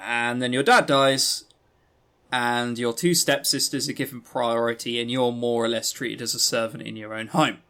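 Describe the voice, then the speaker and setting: This podcast host, a man reviewing visual novels, has a mid-range, clear and resonant voice with a steady but sharp tone at normal speed. He rambles casually, swears freely, stresses key words and keeps a wry, self-deprecating edge.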